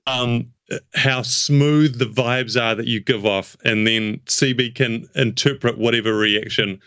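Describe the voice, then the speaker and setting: A man narrating as game master of a tabletop game, measured and descriptive. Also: medium pitch, steady tone, bright, forceful tone, smooth, no echo, studio quality.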